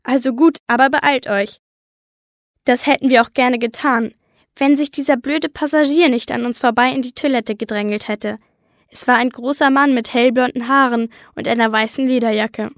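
Woman reading a kids book out loud, lively, kinda high voice, dry studio sound. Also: normal speed, dry recording. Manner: lively storytelling, voicing a young girl narrator. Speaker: audiobook reader. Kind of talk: scripted first-person audiobook narration.

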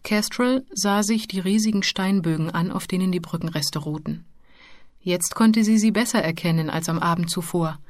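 A woman narrating a children's storybook in a calm, even manner. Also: on the low side, moderate pace, dry recording. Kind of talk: audiobook narration. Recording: dry close studio sound.

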